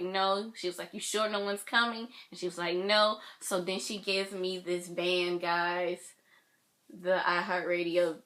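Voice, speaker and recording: Bright-voiced young woman telling a story. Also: lowish voice. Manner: chatty, gushing, voice dipping soft as she tears up. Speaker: vlogger. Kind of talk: emotional personal storytelling.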